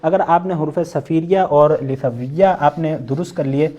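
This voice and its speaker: Pakistani urdu guy teaching tajweed online, bit high voice, slow careful letter sounds. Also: mellow, dull audio. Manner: explains patiently, slowly sounds out letters as examples, checks with "theek hai?". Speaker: Quran recitation teacher.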